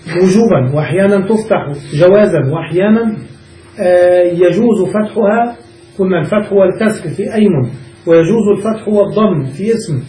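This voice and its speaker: High-voiced man teaching grammar from far off. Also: dark tone. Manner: checks understanding with the class, repeats and restates points. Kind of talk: classroom lesson explaining a grammar text. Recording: roomy, distant mic, faint background noise.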